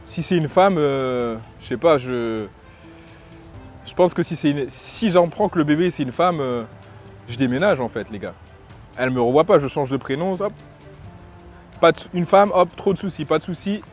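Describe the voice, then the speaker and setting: Halting French man, coach vlogging. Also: on the high side, expressive, faint music behind. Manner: halting, many fillers and restarts. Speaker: lifestyle and dating coach. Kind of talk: casual opinion vlog.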